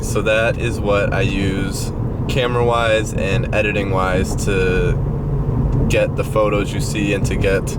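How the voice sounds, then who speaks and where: A young man chatting casually and informally inside a car as he answers viewer questions, in a rambling vlogger style. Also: on the low side. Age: young adult. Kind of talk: casual chat to camera. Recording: loud car and ventilation noise.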